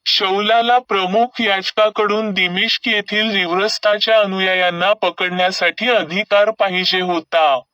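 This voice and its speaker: Male narrator, scripture reading: slow and measured, bright crisp tone, dry and distant. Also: sits high, steady tone, no room sound. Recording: dull recording from a distance.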